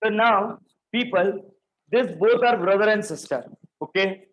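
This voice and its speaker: A male teacher explains computer parts to a class through a story, coaxing the room and checking in often. His speaking voice sits notably high for a man. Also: unhurried, a bit bright, rough recording. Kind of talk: classroom lecture.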